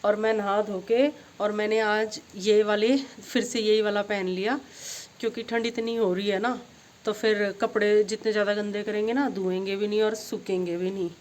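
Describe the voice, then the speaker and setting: A middle-aged woman, chatting casually in a home vlog and telling stories with lively energy. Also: mid-range voice, normal speed. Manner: chatty storytelling, grows excited retelling events. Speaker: vlogger.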